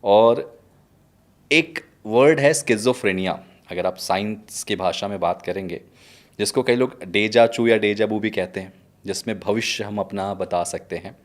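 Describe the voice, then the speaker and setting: A male interview host with a low-pitched voice. He asks questions enthusiastically and turns to address the listeners directly. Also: a little slow. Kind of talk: conversational interview.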